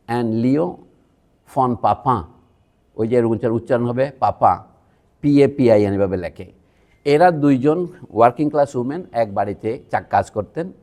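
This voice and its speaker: A Bangladeshi man gives a public university lecture in a museum hall, his voice medium-pitched and dark. He wanders through the topic conversationally, tossing asides to the audience.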